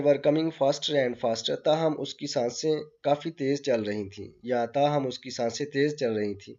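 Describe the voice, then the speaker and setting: A man with a Pakistani accent reads a story aloud one slow line at a time. After each line he stops to explain the words in Urdu, in a patient classroom way. The recording is dull and lo-fi, with a plain middle pitch. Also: a little mellow. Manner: reads English slowly, then explains in Urdu. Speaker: teacher. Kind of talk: line-by-line lesson translation. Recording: dull lo-fi sound.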